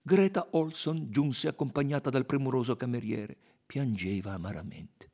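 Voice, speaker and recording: A man reading a novel aloud in an expressive, measured way, sometimes dropping to hushed tones. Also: mid-range voice. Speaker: audiobook reader.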